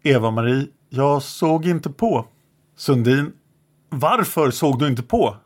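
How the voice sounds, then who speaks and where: A man reading aloud the questions of a male investigator who is questioning a child, in a plain, measured way. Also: medium pitch, animated, natural voice. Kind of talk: reading an interrogation transcript aloud.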